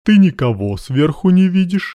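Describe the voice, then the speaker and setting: A man's voice: high-pitched, sing-song, moderate pace, warm tone, no room sound, muffled recording, voice pushed up. A man voicing a cool, commanding male major with dry irony in an audiobook. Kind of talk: audiobook narration.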